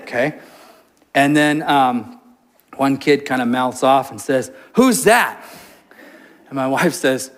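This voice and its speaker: A man's voice: medium pitch, measured pace. A man preaching a sermon as a pastor, telling a funny story with lots of jokes before turning to scripture teaching. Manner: storytelling, animated and joking.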